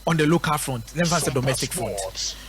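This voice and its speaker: A man with a Ghanaian accent, working as a radio sports pundit, gives emphatic live football commentary and analysis, switching between a local language and English. His mid-range voice is expressive, brisk and a bit bright, and he repeats points rhetorically for effect. There is a little hiss or hum on the recording.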